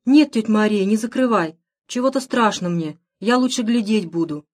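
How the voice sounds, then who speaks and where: A woman's voice: medium pitch, normal speed, a little mellow, lightly acted. A woman voicing a frightened sick village girl. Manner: weak, fearful, murmuring. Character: gravely ill young village girl, frightened.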